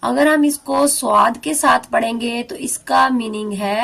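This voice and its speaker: A woman teaching a beginner Quran recitation lesson, slowly and carefully sounding out letters and words. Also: a little high, gravelly, a bit bright.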